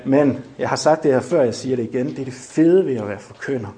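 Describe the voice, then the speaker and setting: A man preaching a lively sermon, joking with the congregation and shouting to drive points home. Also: mid-range voice.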